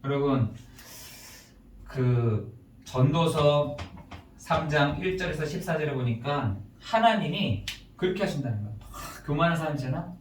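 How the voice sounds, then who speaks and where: A man's voice: on the high side, animated, a little slow, slight background noise. A man preaching a sermon as pastor, emphatic and dramatic, acting out prayers and complaints in a raised voice. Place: church sanctuary. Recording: echoey church room, mic at a distance.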